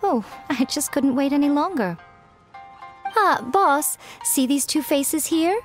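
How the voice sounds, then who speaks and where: An actress playing a sly, teasing fox shrine maiden in a video game, haughty and playful in a drawn-out way. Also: female voice, high-pitched, lively intonation, soft background music. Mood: smug, indulgent. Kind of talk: video game character acting.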